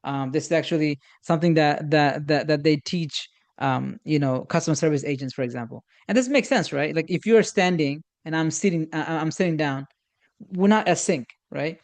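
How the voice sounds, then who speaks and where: A man with a slightly raised pitch teaches communication skills in a loose workshop style. He stumbles and restarts often, filling gaps with "um" and "you know." He acts out sample conversations and weaves in Islamic religious phrases. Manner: halting, many repeated starts and fillers; uses Islamic religious phrases and Arabic quotes. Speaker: instructor on communication. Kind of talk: informal workshop lecture.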